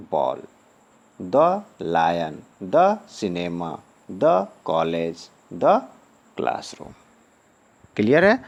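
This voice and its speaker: A male teacher giving a lesson. He asks the class questions, answers them himself with a low falling word, and drills pronunciation syllable by syllable. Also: vocal fry. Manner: sing-song, swooping intonation.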